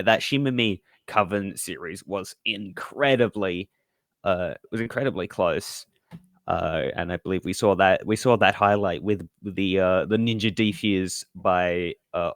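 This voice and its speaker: Male co-caster, low voice, hesitant hedging delivery, dry sound. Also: no echo. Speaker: esports co-caster. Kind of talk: casual desk analysis.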